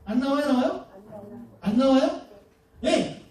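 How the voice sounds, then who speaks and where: Male pastor, very high pitched, mellow tone, chatty sermon full of rhetorical questions; echoey church hall, mic at a distance. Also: animated, unhurried, a little hiss or hum. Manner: conversational preaching, frequent rhetorical questions to the congregation. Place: church sanctuary.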